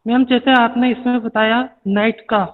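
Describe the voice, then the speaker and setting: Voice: medium pitch, little pitch movement, moderate pace. Student, hesitant questions, online class, phone-like sound, long reverb. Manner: hesitant, repeats itself to make a point.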